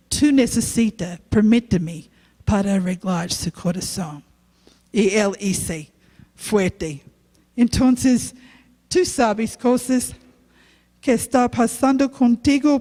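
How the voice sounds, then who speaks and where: Woman preacher, slow halting sermon in a church with long reverb. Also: high voice, darkish tone. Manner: halting non-native Spanish, slow and earnest. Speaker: guest preacher, youth pastor. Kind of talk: sermon with personal testimony.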